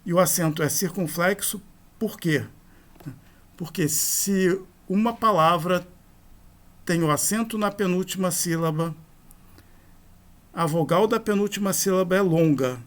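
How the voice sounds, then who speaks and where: A man teaching a grammar lesson, explaining forms one by one in a methodical, explanatory way. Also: fairly high pitch. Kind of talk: slow grammar lecture.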